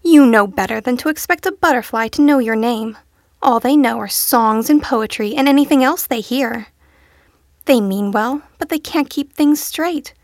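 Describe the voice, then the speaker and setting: A woman voicing a gentle female unicorn who speaks hopefully and wistfully. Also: fairly high pitch, moderate pace, dry recording, clean studio sound, natural voice. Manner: hopeful, pleading.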